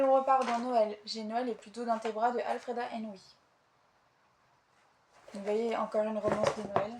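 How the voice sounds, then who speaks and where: A woman's voice: on the high side, darkish tone, a little hiss or hum. A young woman chatting casually and eagerly about her books, with frequent hesitations. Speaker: book vlogger. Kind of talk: casual chat.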